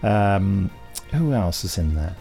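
A man hosts a podcast in a low, sing-song voice that is slow, creaky, and mellow, with faint music behind him. He chats casually and wryly, rambling through many digressions in a mix of conversation and readings.

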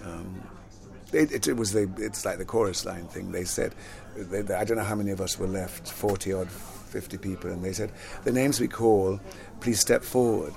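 Gravelly low-voiced older man, rambling. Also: moderate pace, darkish tone. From Jamaica, grew up in London. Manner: rambling, repeats words, laughs often. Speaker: actor and singer, interview guest. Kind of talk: relaxed conversational interview.

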